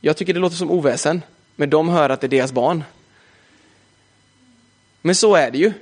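A young man preaching a sermon in a casual, chatty way, often adding "liksom" as a filler. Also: fairly high pitch.

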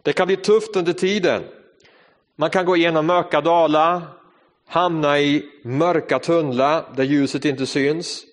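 A man preaching a sermon, earnest and storytelling, shifting between fast and slow phrases in a church. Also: fairly high pitch, steady tone. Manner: earnest storytelling, varied tempo. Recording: reverberant hall.

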